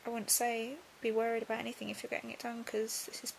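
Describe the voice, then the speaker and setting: Casting: young woman, very gravelly fry on a highish voice, drowsy post-surgery delivery, casual diary style. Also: completely flat delivery, fast, a little hiss or hum. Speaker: vlogger.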